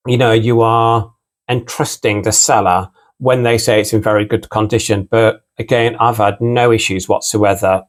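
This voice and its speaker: A British man with a mixed English and Irish accent, a record collector hosting his own channel and chatting casually. He rambles and keeps repeating "again" and "you know.". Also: on the low side. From United Kingdom. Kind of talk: casual unscripted vlog talk.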